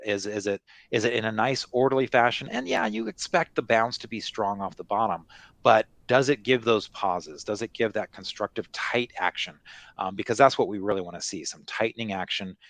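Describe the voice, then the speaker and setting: A man's voice: fairly low pitch, a bit bright, no room sound. A man giving unscripted market commentary as an analyst, explaining things conversationally with frequent little check-in phrases. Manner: conversational, explanatory, peppered with "you know" and "right?".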